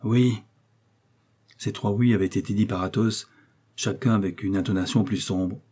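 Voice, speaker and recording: Brief: male narrator for a classic novel, low-pitched, dark and mellow, calm and even. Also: brisk, husky. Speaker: audiobook narrator. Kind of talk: reading a classic novel aloud.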